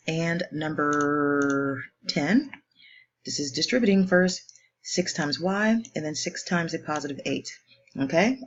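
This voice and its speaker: Brisk woman teacher walking through math. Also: sits low, vocal fry, muffled recording, slight background noise. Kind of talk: homework walkthrough lesson.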